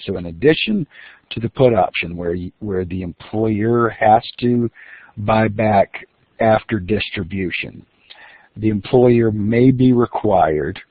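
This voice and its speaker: A man with a lowish voice gives a recorded lecture as the instructor, explaining things step by step with fillers and restarts. The audio is dry and lo-fi, like a phone recording, with no echo.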